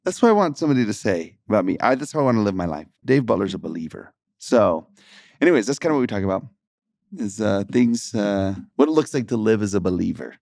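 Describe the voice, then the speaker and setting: Gravelly, joking man. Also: fairly low pitch, quick pace, no room sound, clean studio sound. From Texas. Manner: animated, joking, laughs often. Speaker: podcast co-host. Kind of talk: casual gospel podcast chat.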